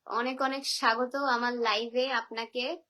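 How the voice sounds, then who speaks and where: A woman's voice: fairly high pitch, flat delivery, measured pace, pushed and bright. A woman from the Barisal region of Bangladesh on a phone livestream, reading out viewers' names and answering their comments with teasing, chatty replies. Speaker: live streamer. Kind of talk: reading viewer comments on a live video call.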